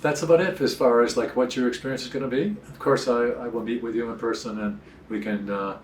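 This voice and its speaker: A man speaking as an oral surgeon, explaining a procedure to a patient in a plain, halting, step-by-step way. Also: mid-range voice, fairly even intonation. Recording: echoey room, distant mic, light noise.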